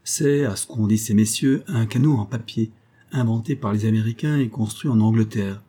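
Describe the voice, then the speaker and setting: A man reading the part of a weathered older boatman and former convict, low-voiced, humble and eager to serve. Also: normal speed, warm tone, natural voice. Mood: earnest.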